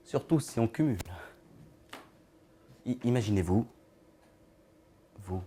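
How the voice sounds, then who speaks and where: An actor playing an odd, lonely man with an invisible friend, talking in a halting, rambling way that trails off into murmurs. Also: mid-range voice, animated, warm tone, slight background noise. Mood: musing. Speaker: actor in a short film monologue. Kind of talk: film monologue.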